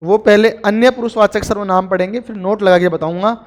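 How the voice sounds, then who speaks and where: A man's voice: sits high, steady tone, fairly quick, big-room sound. A man teaching a grammar lesson to a class, chatty and joking with his students between explanations.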